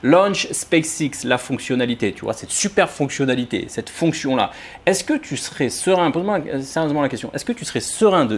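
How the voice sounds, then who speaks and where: A man who works as a software developer, explaining testing to viewers in a casual, informal vlog with sarcastic jokes and frequent restarts. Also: on the high side, husky. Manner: jokey, sarcastic asides.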